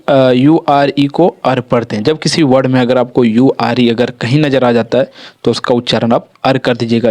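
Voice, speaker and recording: Male teacher, mid-pitched, dry close sound, steady explainer who repeats rules and checks in often. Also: dry recording. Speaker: English pronunciation teacher. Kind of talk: explanatory lesson.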